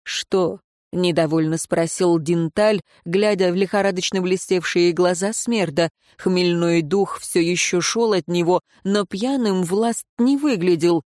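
A woman narrating a fantasy audiobook in a measured, even reading voice. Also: on the low side, no echo, studio quality. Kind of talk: scripted narration.

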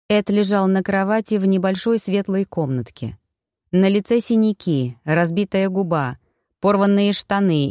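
Woman as first-person audiobook narrator, brisk and clear, dry close recording. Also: on the low side, mellow, no echo.

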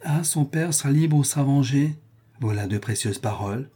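A sly, gloating spy, as a male reader puts him on, muttering to himself low and half under his breath. The voice is dark and mellow with a husky edge. It is a quiet storybook villain. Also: moderate pace, close to an everyday voice.

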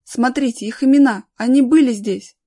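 A woman reading an excited, boastful adult male tramp who shouts out his finds. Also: a little high, moderate pace, breathy edge, pitched above the performer's own voice.

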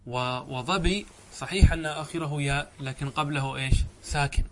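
A man's voice: fairly high pitch, normal speed, a little hiss or hum. A man giving a classroom grammar lecture, repeating examples and quizzing his students. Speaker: teacher of Arabic grammar.

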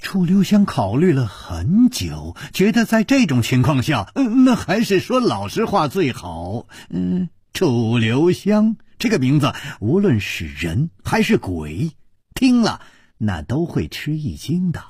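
A man telling a traditional long-form story at an unhurried pace. His voice is slightly husky, and his delivery rises and falls dramatically. The sound is close and dry. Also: on the high side, wildly swooping pitch, darkish tone, no room sound.

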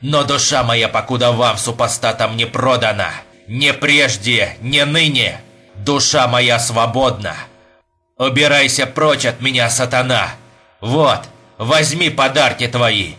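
A man's voice: medium pitch, a little slow, pushed and bright, faint music behind. A man reading an audiobook voices a fervent young Russian man who speaks in an archaic, impassioned way. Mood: defiant.

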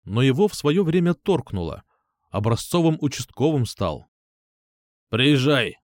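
A man's voice: mid-range voice, sing-song, normal speed, dark tone, no echo, clean studio sound. A man narrating an audiobook in the first person, reading expressively.

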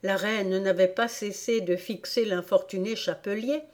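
A woman reading a storybook aloud in a calm, unhurried way. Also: medium pitch. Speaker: audiobook reader. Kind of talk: storybook narration.

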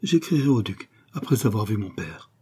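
A man's voice: on the low side, animated, moderate pace, darkish tone, slightly rough. A man voicing an earnest young noblewoman. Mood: resolved. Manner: pleading, emphatic exclamations. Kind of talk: audiobook character reading.

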